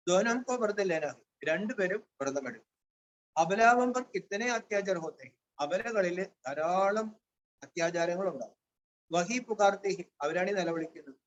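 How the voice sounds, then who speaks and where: A man giving a devotional spiritual discourse. He reads a line, then explains it in plain words. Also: sits high. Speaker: Brahma Kumaris spiritual teacher. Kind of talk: devotional discourse reading Hindi lines and explaining in Malayalam. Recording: dull, lo-fi with faint hiss.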